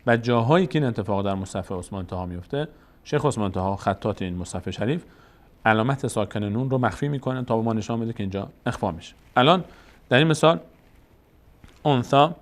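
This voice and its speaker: A man teaching Quran recitation rules step by step, explaining each rule and then slowly chanting the verses to show it. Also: on the low side. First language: Tajik.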